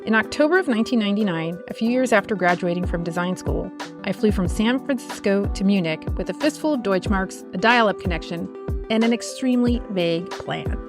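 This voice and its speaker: A woman's voice: mid-range voice, lively intonation, brisk, over music. A middle-aged woman from California with a Californian accent, hosting an interview podcast and asking questions in a conversational way. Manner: conversational, asks follow-up questions with hesitations. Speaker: podcast host.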